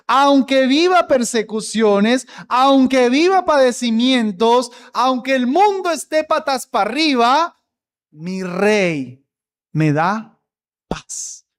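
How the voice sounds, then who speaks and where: A man's voice: extremely high pitch, clean tone. A man preaching a sermon as pastor, emphatic, stretching key words and repeating phrases for emphasis.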